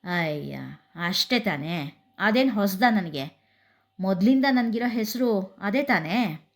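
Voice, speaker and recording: A woman's voice: on the high side, expressive, normal speed, lightly acted. Woman playing a bold, defiant village girl. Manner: cool, offhand and defiant.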